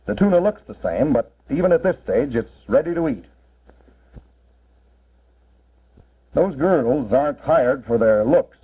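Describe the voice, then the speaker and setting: A man's voice: mid-range voice, warm tone, slightly rough. A man narrating a 1940s promotional film as a cannery guide, in a plain, instructive mid-century style. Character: cannery man proudly explaining the packing process. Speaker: narrator explaining a cannery tour. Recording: muffled, worn 1940s film soundtrack.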